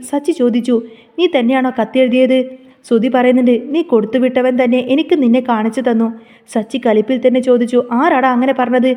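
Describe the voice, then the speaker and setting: A woman's voice: high-pitched, warm tone. A woman narrating a recap of a TV serial episode, reading the characters' lines within her retelling.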